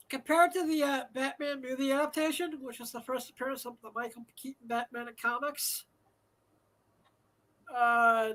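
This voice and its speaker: Hosting a casual live show from home, a man delivers a rambling, profane monologue packed with fillers. His voice is very high, pushed and bright, slightly nasal with a dry throat, and the audio is poor.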